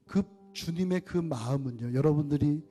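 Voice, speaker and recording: A man's voice: on the high side, normal speed. A middle-aged male pastor preaching a sermon, asking the congregation questions and acting out dialogue. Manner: animated, acts out biblical dialogue, asks the congregation questions.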